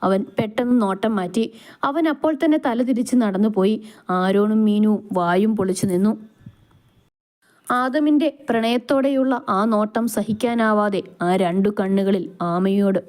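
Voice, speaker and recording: A woman narrating a romance story in a calm, even reading. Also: mid-range voice.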